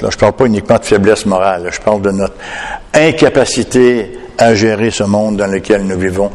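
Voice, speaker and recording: A man's voice: on the low side, long reverb tail. A man preaching a sermon emphatically, often tagging his points with a questioning "hein?". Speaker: pastor.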